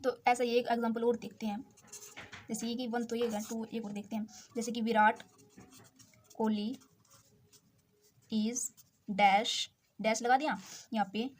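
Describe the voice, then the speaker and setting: A woman's voice: fairly high pitch, steady tone. A woman teaching English grammar, explaining example sentences step by step and checking in often with her listeners. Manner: slow, repetitive explaining with frequent check-ins.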